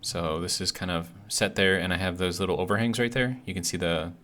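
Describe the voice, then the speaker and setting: A man's voice: sits low, fairly even intonation, a little fast, a bit bright. A man giving casual gameplay commentary as a video host, thinking aloud hesitantly, with slightly awkward articulation. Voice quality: slightly awkward speech from a healing bitten tongue. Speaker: host of a gaming video series.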